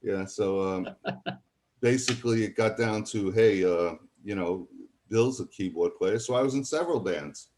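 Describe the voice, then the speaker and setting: A man's voice: fairly low pitch, normal speed, darkish tone. An older man, a guest musician telling rambling anecdotes in a casual interview and acting out what other people said. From College Point, New York.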